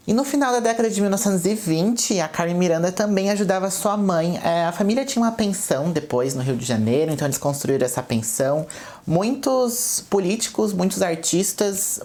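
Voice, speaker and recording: A man with a Brazilian accent talks to his viewers as the host of his own channel, telling a biography in an easygoing, conversational way. He moves between reading polished passages and retelling loosely, often pausing on hesitant filler sounds. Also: fairly high pitch, a little mellow. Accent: Brazilian Portuguese. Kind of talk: casual educational storytelling.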